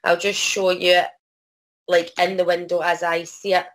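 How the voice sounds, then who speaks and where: A Scottish woman with a lowish, croaky voice, full of a cold, gives an informal presentation over a video call. Her pitch moves little, and she is hesitant and apologetic, often breaking off and starting again. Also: level tone, normal speed. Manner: hesitant, apologetic, frequent self-interruption. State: has a cold. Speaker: presenter, arts organisation producer.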